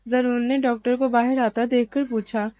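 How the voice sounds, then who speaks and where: A woman narrating a novel aloud as an audiobook reader, in steady storytelling. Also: on the high side, no echo.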